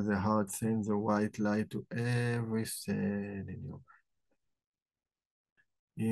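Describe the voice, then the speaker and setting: A man hosting a live book club, talking about the book and then slowly leading a guided meditation in a soft, calm voice. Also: fairly low pitch, gravelly. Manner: slow, soft-spoken guiding voice. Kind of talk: live talk.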